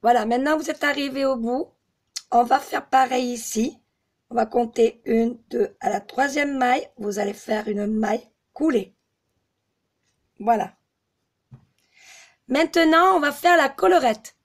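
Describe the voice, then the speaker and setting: A slightly hoarse woman giving a step-by-step crochet tutorial, patiently counting stitches aloud. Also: on the high side, unhurried, pauses often. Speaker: crochet teacher.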